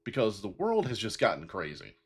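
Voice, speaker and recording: A man's voice: fairly low pitch, huge pitch swings, a little fast, husky. A man in his fifties hosting his own show, talking sincerely and rambling with many fillers and restarts. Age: 50s. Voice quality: bald-headed. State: getting emotional. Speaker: podcast host. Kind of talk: heartfelt solo talk.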